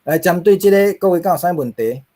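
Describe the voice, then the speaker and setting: A man's voice: high-pitched, expressive, fast talker, mellow, slight background noise. A middle-aged man with a Taiwanese accent, giving a linguistics lecture to a class, asking rhetorical questions and using many fillers.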